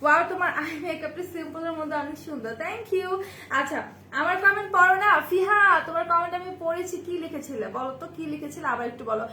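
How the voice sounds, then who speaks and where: A woman's voice: very high voice, fast, sharp tone, a little hiss or hum. A woman from Bangladesh, hosting a live sales stream and greeting each viewer by name. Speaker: live-stream seller and host. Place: indoor shop with bags on display behind her. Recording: echoey room with faint ambience.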